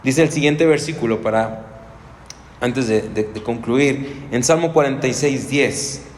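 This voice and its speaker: A man with a Mexican accent preaches in a loose, conversational way, often restarting his sentences and drifting into personal asides. His mid-pitched voice rings around a church hall with long reverb. A faint hum of background noise sits behind him. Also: unhurried. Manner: relaxed storytelling, with frequent restarts and asides. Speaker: pastor. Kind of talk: conversational sermon.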